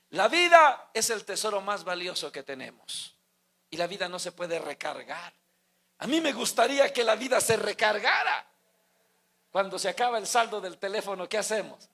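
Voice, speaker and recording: A man's voice: sits high, sharp tone. A man, preaching a sermon and putting emphatic questions to his congregation.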